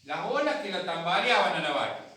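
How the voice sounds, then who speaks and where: Argentine pastor in an echoey church. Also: male voice, high voice, sing-song, brisk, sharp tone. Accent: Argentine Spanish. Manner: storytelling, acts out voices, talks with the congregation. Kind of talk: sermon. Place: church hall. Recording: echoey hall from a distant mic.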